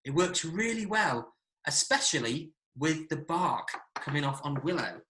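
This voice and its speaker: A man's voice: fairly high pitch, very animated, unhurried, bright, forceful tone, breathy edge. A British man giving a live outdoor cooking demonstration by a campfire, instructive and friendly, speaking to children watching. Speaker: forest school instructor.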